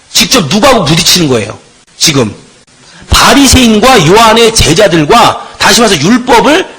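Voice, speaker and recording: A man's voice: high voice, husky, low-quality recording. A middle-aged man giving a Bible lecture, often putting rhetorical questions to his class. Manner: lively, emphatic lecturing. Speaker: Bible teacher.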